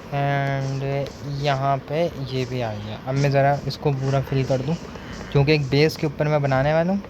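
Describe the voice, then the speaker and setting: A man's voice: mid-range voice, muffled recording. A young man streaming a building game, chatting casually as he plays, counting blocks aloud and dropping English words into his talk. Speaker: gaming streamer. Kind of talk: casual gameplay commentary. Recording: noticeable background noise.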